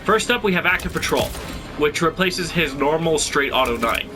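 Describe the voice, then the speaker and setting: A video game guide host with a slightly stuffy nose talks through fighting game moves in a tutorial, sounding casual, analytical, and conversational as he thinks aloud. His fairly high voice is expressive and moderately paced, with music in the background.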